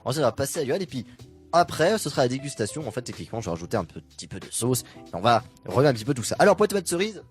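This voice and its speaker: A man's voice: mid-range voice, very animated, racing, faint music behind. A man hosting a casual radio cooking segment in a small studio, joking and giving running commentary while he works. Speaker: radio host cooking on air. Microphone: studio microphone.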